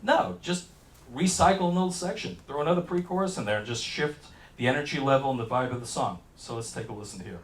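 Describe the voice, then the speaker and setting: A man's voice: mid-range voice, lively intonation, quick pace, echoey room, distant mic, low-quality recording. A man giving an enthusiastic classroom lecture that breaks down how a hit song is built. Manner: explanatory, enthusiastic, talks over music examples. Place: lecture hall. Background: song excerpts playing faintly.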